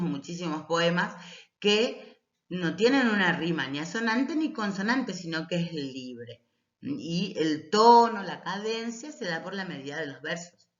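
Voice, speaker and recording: Slow, patient woman teaching a class. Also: on the low side. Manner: patient explanatory, checks in with short "¿mm?" and "¿sí?"; reads poems aloud slowly. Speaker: language teacher. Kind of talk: recorded class lecture. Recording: roomy, dull lo-fi recording.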